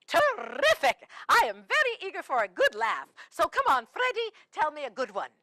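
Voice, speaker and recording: Woman doing Mrs Claus: jolly, kindly children's host, sing-song laugh, high voice, dry close sound. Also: huge pitch swings, normal speed, sharp tone, no echo, heavily acted. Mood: cheery. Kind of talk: children's show role-play.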